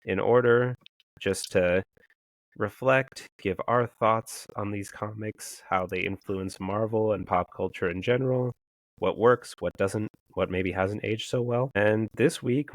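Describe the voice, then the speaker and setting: Deep, hoarse man hosting a podcast. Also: dry recording. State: hoarse from a cold. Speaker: podcast co-host. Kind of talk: casual comics podcast chat.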